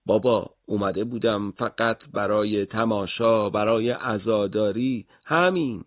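A man's voice: lowish voice, no echo, phone-quality sound, close to an everyday voice. A man voicing a frightened young male detainee who pleads and stammers out denials. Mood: pleading.

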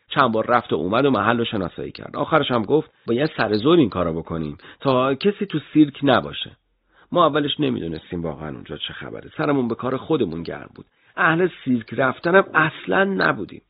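A terrified young man under interrogation, voiced by a male narrator in a raised voice begs and stammers denials. The voice is husky and swings widely in pitch. The recording sounds dull, dry and lo-fi. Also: sing-song, no room sound, full character voice. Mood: confessing. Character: frightened young male detainee, pleading.

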